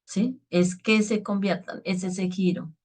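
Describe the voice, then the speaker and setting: A woman's voice: medium pitch, fairly even intonation, takes it slowly, a little mellow. A woman preacher giving an earnest spoken reflection on the daily gospel, often checking in with her listeners.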